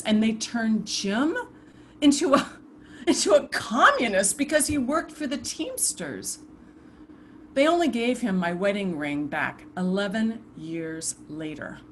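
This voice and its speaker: The restless, defiant ghost of a slain civil rights volunteer, played by a woman in a stage monologue. She speaks slowly and haltingly, sighing between broken phrases. A faint hiss sits under her voice on a video call mic. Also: mid-range voice, animated, lightly acted. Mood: wry, bitter. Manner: halting, reflective, with sighs and trailing restarts. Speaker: stage actor performing a monologue. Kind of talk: theatrical monologue. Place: indoors at home, performing over a video call. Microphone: video call computer mic.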